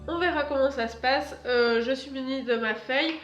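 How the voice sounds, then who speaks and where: A woman talks casually to her viewers while standing by her shelves, pausing often and filling gaps with hesitations. Her voice sits a bit high. The room is echoey, and faint music plays behind her. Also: highs cut off. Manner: chatty, full of hesitations and fillers; moves about while talking, standing. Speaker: booktuber. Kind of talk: casual vlog chat. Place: at home by her bookshelves.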